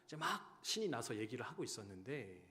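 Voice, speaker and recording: A man in his thirties, a pastor giving a sermon, who tells stories and swings between loud urging and hushed, quiet lines. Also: medium pitch, big pitch swings, a little fast. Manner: storytelling, swinging from loud exhortation to hushed tones. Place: church sanctuary. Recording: church hall reverb.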